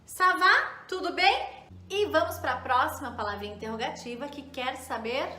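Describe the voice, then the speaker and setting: High, bright-voiced woman teaching French. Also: animated, roomy sound. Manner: patient, checks in often with the learner; spells words out and repeats them slowly. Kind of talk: online language lesson.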